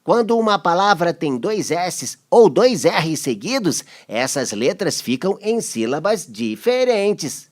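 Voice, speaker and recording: A man's voice: sits high, very animated, takes it slowly, hardly any pauses, full character voice. A man voicing Beto, a curious schoolboy who carefully answers a teacher's questions. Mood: thoughtful.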